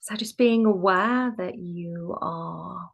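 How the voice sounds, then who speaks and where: Guiding a relaxation session in yoga nidra, this woman speaks softly and soothingly, at times breathily, leaving long silences. Her voice is on the lower side, and the recording's high frequencies are cut off.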